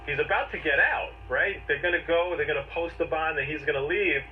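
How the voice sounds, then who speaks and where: A legal commentator with a slightly high voice talks briskly, explaining a legal issue conversationally, step by step, in short phrases with plenty of emphasis. His audio is replayed and comes across as distant, dull and noisy.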